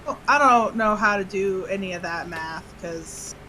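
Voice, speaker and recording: A woman's voice: medium pitch, unhurried, sharp tone, rough recording. A woman in a mid-range voice chats as a podcast co-host, laughing easily and adding sarcastic asides. A faint hiss of noise is audible behind her. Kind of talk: casual chat.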